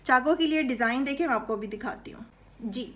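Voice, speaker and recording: A woman walks viewers through redesigning a suit, one step at a time. Her voice sits high, and her delivery is chatty and instructional. She keeps checking in with the audience as she explains. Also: fast talker, sharp tone. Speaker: dress design tutor. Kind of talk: instructional sewing tutorial.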